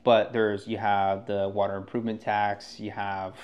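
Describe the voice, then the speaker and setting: A man's voice: lowish voice, level tone, moderate pace, muffled recording. A man working as a real estate agent, talking casually and rambling with frequent restarts. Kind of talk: casual podcast talk.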